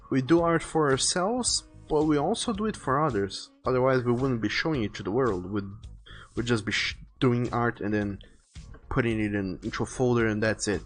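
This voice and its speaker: A man hosting a casual art livestream, talking to viewers in an earnest, conversational way. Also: mid-range voice. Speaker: livestreaming artist and host. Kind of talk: casual livestream chat, reading viewer messages aloud and giving advice. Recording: music behind the voice. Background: faint background music.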